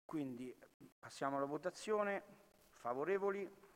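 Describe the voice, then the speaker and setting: A man's voice: on the high side, lively intonation, moderate pace. A man chairing a council meeting in a formal, procedural style with short clipped calls. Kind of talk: formal procedural vote-calling. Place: reverberant council meeting hall. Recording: echoey hall, long reverb, distant.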